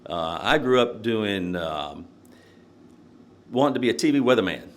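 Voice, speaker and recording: An older man from Nashville tells stories in a relaxed, rambling way and stops often for fillers. His voice sits low. A faint hum runs under the recording. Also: normal speed. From Nashville, Tennessee. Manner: rambling, many fillers, chuckles while telling stories. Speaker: podcast guest, court candidate. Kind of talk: casual interview, storytelling.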